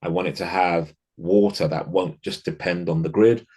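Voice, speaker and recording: A man's voice: low voice, steady tone, moderate pace, darkish tone, husky. A man from the UK, a podcast guest talking in a casual interview, reflective and thinking aloud with frequent restarts.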